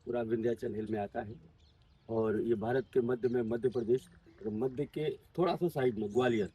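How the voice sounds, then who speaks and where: A man's voice: mid-range voice, darkish tone, husky. A man working as a tour guide, telling local history to a group outdoors at a monument in a patient storytelling way. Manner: patient storytelling, drops in English words and numbers.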